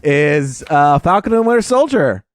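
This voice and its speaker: A man's voice: fairly high pitch, sing-song, normal speed, no room sound. A man hosting a podcast in casual chat, steering the rundown in an upbeat way. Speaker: podcast host.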